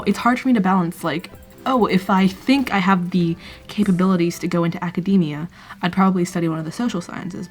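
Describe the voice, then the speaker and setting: A young woman talking casually to camera in a vlog, rambling and self-deprecating with wry asides, in a small room. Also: lowish voice. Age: young adult. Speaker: student vlogger. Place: small room by a thin wall.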